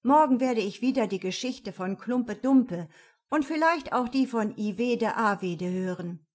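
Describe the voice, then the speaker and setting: A woman's voice: fairly high pitch, expressive, measured pace, darkish tone. A woman voicing a naive young fir tree in a fairy tale, asking earnest, wondering questions.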